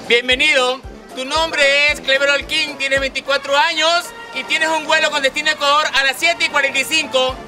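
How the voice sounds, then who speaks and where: A man voicing a coin-operated fortune-telling machine that slowly announces who its customer is. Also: very high voice, fairly even intonation, pushed and bright, soft background music, some chatter behind, heavily acted. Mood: announcing.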